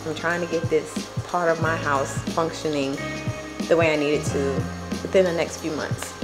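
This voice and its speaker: A woman's voice: deep voice, fairly even intonation, moderate pace, music in the background. An American woman chatting casually and candidly to viewers in a family vlog. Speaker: family vlogger.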